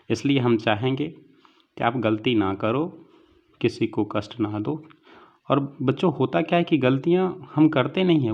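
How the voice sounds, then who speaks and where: A man's voice: mid-range voice, muffled recording. A man teaching an online lesson, earnest and fatherly, who keeps calling his students children and mixes English words into Hindi. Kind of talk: online lecture with a moral talk.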